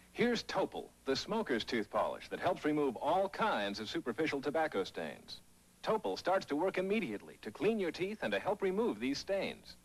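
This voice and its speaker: A man with a husky voice delivering an upbeat, old-fashioned commercial pitch as an announcer. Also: low-quality recording.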